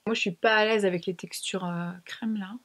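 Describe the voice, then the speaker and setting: A woman's voice: medium pitch, fairly even intonation, fairly quick, a bit bright. A young woman chatting casually to camera as she tests makeup, slangy and self-mocking. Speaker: beauty vlogger. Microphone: camera mic.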